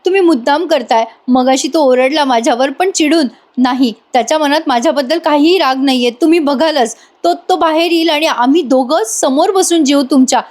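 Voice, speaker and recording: A woman voicing a defiant young woman who insists loudly and confidently that she is right. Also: brisk, few pauses, natural voice. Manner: insistent, shrill, self-assured.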